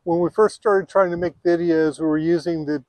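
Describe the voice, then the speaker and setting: A man's voice: on the high side, fairly even intonation, moderate pace, noisy background. A middle-aged man explaining things in a plain, conversational way for an outdoor vlog, recorded on a lapel mic. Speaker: homestead video host. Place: open windy valley field outdoors.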